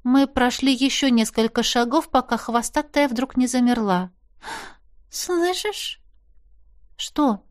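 High-voiced woman narrating an audiobook. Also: steady tone, normal speed, hardly any pauses. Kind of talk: first-person audiobook narration.

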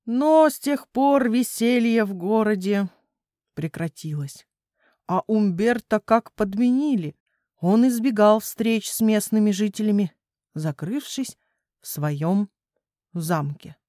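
A teasing father raccoon from a storybook, voiced by a woman, lowering his voice to spin a mysterious tale. He speaks slowly and knowingly. The sound is dry and close. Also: animated, warm tone, no room sound.

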